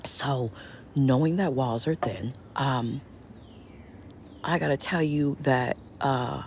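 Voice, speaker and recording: A woman telling her story in a casual vlog from home, halting with many restarts and often dropping to near whispers. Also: extremely low pitch, a little mellow, slight background noise. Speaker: vlogger. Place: indoors at home.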